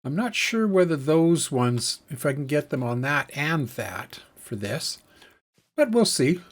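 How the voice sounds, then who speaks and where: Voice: mid-range voice, big pitch swings, a little slow. A let's-play host giving casual gameplay commentary, musing aloud and thinking through each task step by step.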